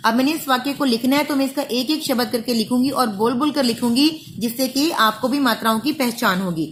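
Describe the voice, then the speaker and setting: A woman with a high, bright voice takes young pupils through a lesson, drawing each word out syllable by syllable. She speaks patiently and keeps calling the child "beta". Faint hiss sits under the recording. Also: a little fast. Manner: patient, stretches out sounds syllable by syllable, calls listener "beta". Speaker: primary school teacher.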